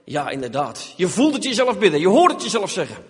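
A man's voice: high-pitched, sing-song, fairly quick, big-room sound. A man preaching a sermon in a church, acting out the prayers and dialogue he quotes.

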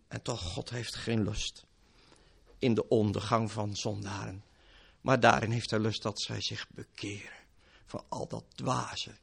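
A man preaching a sermon with dramatic swings from loud exclamations down to hushed whispers, drawing out his words for emphasis. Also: medium pitch, gravelly. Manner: drawn-out, emphatic delivery.

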